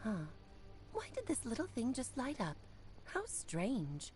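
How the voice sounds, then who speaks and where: A woman's voice: a little high, huge pitch swings, slow, darkish tone, heavily acted. A woman voicing a playful, coy mage who tells stories theatrically in a game. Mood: curious. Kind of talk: video game voice acting.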